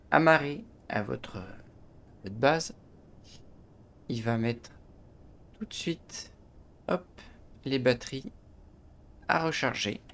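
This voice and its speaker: Slow, gravelly man explaining a game. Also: medium pitch, fairly bright tone. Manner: step-by-step explaining, frequent "hop" and restarts. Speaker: gaming channel host. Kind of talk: game tutorial commentary.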